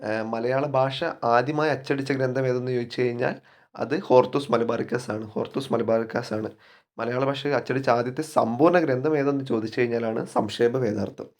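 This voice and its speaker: A man's voice: medium pitch, steady tone, fairly quick. A male teacher giving an exam-prep lesson, repeating key facts and asking himself quiz questions.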